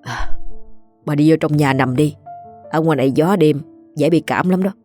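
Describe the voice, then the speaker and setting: A woman voicing a grieving, soft-spoken rural father. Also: low-pitched, normal speed, soft background music, close to an everyday voice. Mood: gentle.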